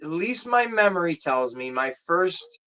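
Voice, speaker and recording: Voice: medium pitch, sing-song, a little slow, pushed and bright, clean tone. A livestream host in casual chat, rambling, searching aloud for titles and answering viewer comments. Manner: chatty, drifts off topic.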